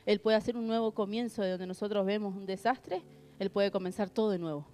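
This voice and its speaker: A woman's voice: mid-range voice, steady tone, fairly quick, dark tone, soft background music. A woman preaching a sermon, earnest, reading scripture and asking the congregation rhetorical questions. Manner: reads scripture aloud between remarks.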